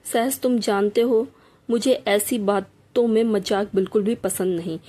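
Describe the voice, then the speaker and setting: A woman reading a storybook aloud, voicing a firm young man who is deeply moved. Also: fairly even intonation, a little slow, warm tone, natural voice. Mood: emotional. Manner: firm, then tearful and reflective. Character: stern young man, tender underneath.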